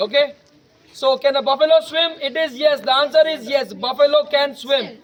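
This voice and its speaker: A young man with an Indian English accent, switching into Telugu as he teaches a self-defense class to students, calling out loud commands. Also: very high-pitched, moderate pace. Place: outdoors at a school, large group of students. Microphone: no microphone, camera at a distance. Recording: dull lo-fi sound, crowd noise.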